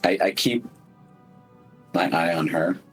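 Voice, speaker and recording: A man's voice: deep voice, slow, breathy edge, soft background music. A man playing in a tabletop game, speaking tersely and dryly in character. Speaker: player.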